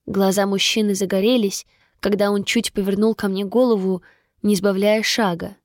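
A woman's voice: mid-range voice, moderate pace, no echo. Woman narrating a story in a dry voice. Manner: even, steady storytelling. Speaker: audiobook narrator. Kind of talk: scripted first-person narration.

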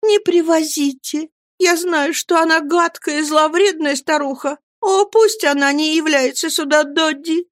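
A woman voicing a childish, timid young woman in a storybook reading, speaking in a high, pleading, childlike voice. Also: a little slow, no echo, studio quality.

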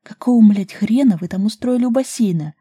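A woman's voice: lowish voice, a little fast, creaky, warm tone. A woman voicing a stern young male bodyguard who growls curt commands.

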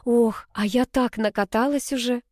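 A woman's voice: a little high, steady tone, moderate pace, a little mellow, dry recording, studio quality, pitched above the performer's own voice, lightly acted. Woman reading a cheerful middle-aged mother. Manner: cheerful, pleased with herself.

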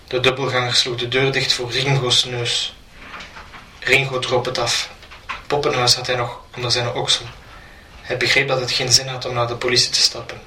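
A man reading a short story aloud in an even storytelling manner. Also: medium pitch. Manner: flat, even storytelling delivery. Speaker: narrator. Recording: roomy, distant mic, faint noise.

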